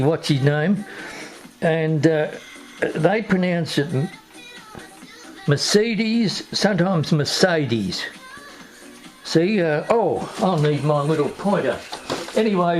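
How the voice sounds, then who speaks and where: Australian male host, slow unhurried delivery, wanders off topic, faint music underneath. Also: fairly high pitch, a little mellow. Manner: rambling, digressive, slow and hesitant. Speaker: video host. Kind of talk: casual talk to camera.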